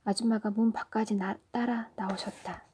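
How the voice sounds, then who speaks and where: Soft-voiced woman reading a children's story. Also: mid-range voice, fairly even intonation, moderate pace, slight background noise. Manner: soft, often whispery narration.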